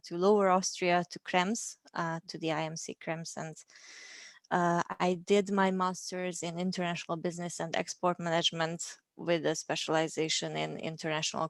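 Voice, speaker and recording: Guesting on a relaxed interview, this Hungarian woman in her thirties talks warmly, often saying "um" and laughing lightly. Her voice is on the low side, recorded with no echo.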